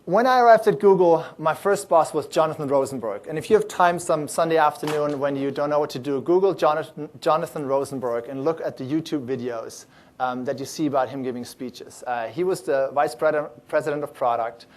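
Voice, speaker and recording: A man speaking to a live audience at a startup event, pitched a bit higher than most men. He talks loosely and cheerfully, restarting phrases and filling pauses with "um" and "uh" as he tells stories. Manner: many fillers and restarts, animated and upbeat. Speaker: startup accelerator founder giving a talk. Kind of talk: conference talk.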